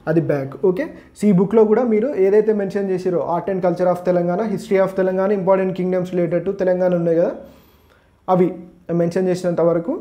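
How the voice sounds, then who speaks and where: A man's voice: high-pitched, warm tone, highs cut off. A man with a Telangana Telugu accent, teaching exam preparation informally, mixing Telugu with English words and linking points with "okay, so". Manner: explanatory, repeats "okay, so" as a linking phrase. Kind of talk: informal exam syllabus walkthrough.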